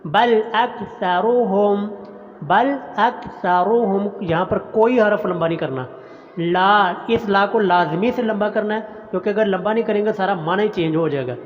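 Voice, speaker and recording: A man teaching a Quran recitation lesson, chanting words slowly and drawn out, then explaining pronunciation in quick plain talk. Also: high-pitched. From Pakistan. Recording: dull audio with long reverb.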